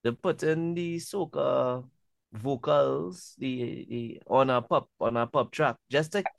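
A man being interviewed as a music artist, talking in a relaxed way and often repeating words as he thinks. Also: medium pitch, slow, gravelly, no echo. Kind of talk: casual interview talk.

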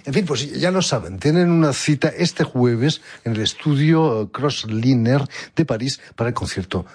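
A man's voice: medium pitch, animated, normal speed, darkish tone, husky. A man hosting a radio interview, asking questions in a playful, teasing way. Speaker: radio host.

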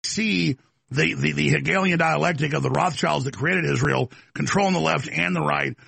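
A man with a gravelly, rough voice questions his guest in a heated, pressing way. He stumbles and repeats words as he pushes his point. His tone is bright and cutting, and the sound is close and dry. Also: a little high, moderate pace, no room sound. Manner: stammering restarts, heated and pressing. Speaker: talk show host.

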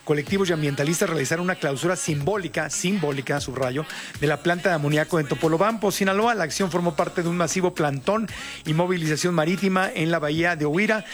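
A man's voice: fairly high pitch, quick pace, fairly bright tone, soft background music. A man from Tijuana with a Mexican Spanish accent, hosting a chatty radio news show. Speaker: radio host.

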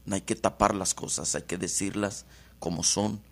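A man's voice: low voice, fairly even intonation, moderate pace, creaky, fairly bright tone. A man from Honduras, an evangelist preacher speaking devoutly and measuredly as a radio guest. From El Progreso, Honduras. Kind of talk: radio interview.

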